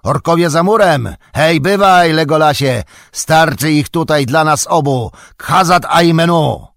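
A man voicing a gruff, boastful male dwarf warrior who bellows his war cries in a raised voice. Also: mid-range voice, moderate pace, no room sound, clean studio sound, pitched above the performer's own voice, lightly acted. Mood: war-crying.

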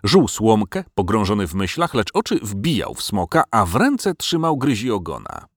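A man narrating a storybook audiobook in an expressive, storytelling manner. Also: fairly low pitch, normal speed, no echo, clean studio sound.

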